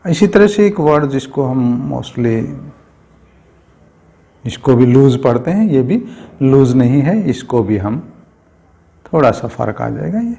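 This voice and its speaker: A man teaching an English grammar lesson. He explains things slowly and step by step, and he keeps asking "right?". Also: mid-range voice, very animated, vocal fry, warm tone. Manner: slow, explanatory, often asks "right?".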